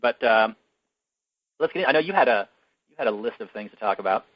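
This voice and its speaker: A man's voice: on the low side, expressive, a little fast, no room sound, lo-fi sound. A man co-hosting a podcast, retelling a film plot in casual chat with many fillers and restarts. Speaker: podcast co-host.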